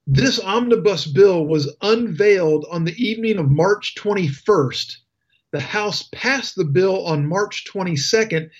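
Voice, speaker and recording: A man's voice: high-pitched, slightly rough, lo-fi sound. A male talk radio host delivering an indignant, sarcastic political rant. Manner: indignant, emphatic ranting with sarcasm.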